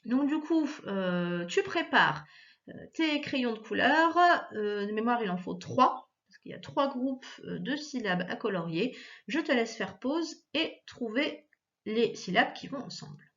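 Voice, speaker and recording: Woman teacher, slow and patient, slightly high voice, sounding out syllables for kids, muffled lo-fi recording. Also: expressive, fairly bright tone. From France. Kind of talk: recorded remote reading lesson for children.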